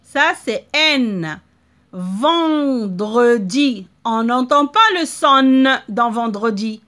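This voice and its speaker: A woman's voice: on the high side, sharp tone. Teacher for a kids' phonics class, a woman who speaks unhurriedly and bends each word out long. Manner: slow, drawn-out word modeling with frequent checks. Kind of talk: reading lesson for young children.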